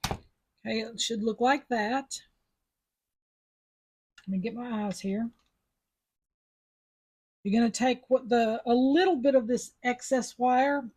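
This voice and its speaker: Husky woman doing a chatty beading tutorial, kinda high voice. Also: warm tone. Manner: chatty, step-by-step instructions. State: sucking a mint after coughing. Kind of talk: casual craft tutorial.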